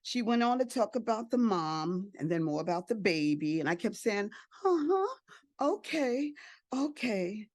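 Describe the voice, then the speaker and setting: A woman's voice: lowish voice, moderate pace, few pauses, a little mellow, no echo, studio quality. An older woman, an adoptive and foster parent, giving a heartfelt personal testimony and repeating phrases for emphasis. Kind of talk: emotional personal testimony speech.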